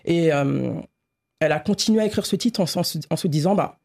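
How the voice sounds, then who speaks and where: A woman co-hosting a casual chat podcast, presenting her pick in a measured way. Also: sits low, creaky, a little mellow. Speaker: podcast co-host.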